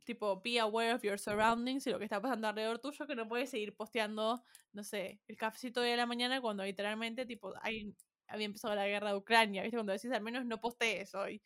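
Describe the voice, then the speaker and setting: A woman with a Rioplatense Spanish accent co-hosts a podcast, chatting casually, laughing often and dropping in English words. Her voice sits on the high side and is a bit bright, with a steady tone and a fast pace.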